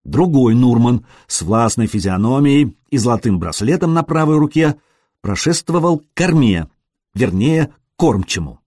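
A man reading an adventure novel aloud as a studio audiobook, in an expressive style that briefly acts out the characters. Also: mid-range voice, unhurried, no room sound. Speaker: audiobook narrator. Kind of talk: scripted audiobook narration.

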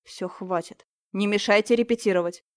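A woman narrator voices a strict young choir teacher who scolds her pupils in a firm, even voice. The recording is close and dry, with no room around it. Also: mid-range voice, normal speed, no echo, natural voice. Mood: stern. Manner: stern, scolding.

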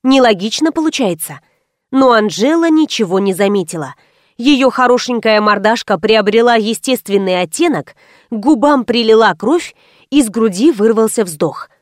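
A woman reads a first-person detective audiobook with a lively, wry edge. Her voice sits fairly high, and the close studio mic gives a dry, dead sound with no echo. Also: moderate pace. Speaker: audiobook narrator.

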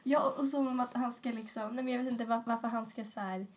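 A woman's voice: a little high, fairly even intonation, background noise. A woman co-hosting a casual podcast, reacting to her friend's story with emphatic indignation. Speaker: podcast co-host. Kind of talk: casual chat.

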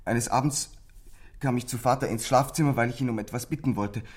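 An actor voices a troubled teenage boy in a German radio crime drama, sounding bitter and frightened. His natural, mid-range voice is husky and breathy, and his intense, halting delivery feels like a bitter confidence.

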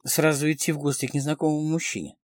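A man reading the part of a playful, teasing woman who flirts quickly and slyly, in a dry close recording. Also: a little high, level tone, dry recording, close to an everyday voice.

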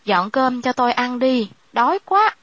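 A woman's voice: on the high side, sing-song, normal speed, fairly bright tone, no echo, lo-fi sound. Woman doing a fretful, haunted provincial wife. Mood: brisk. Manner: anxious, fretful.

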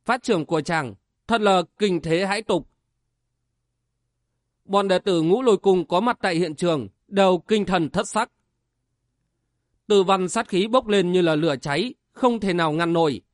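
A man's voice: sits high, dry recording, clean studio sound. A man narrating a martial-arts novel as an audiobook with vivid, dramatic storytelling.

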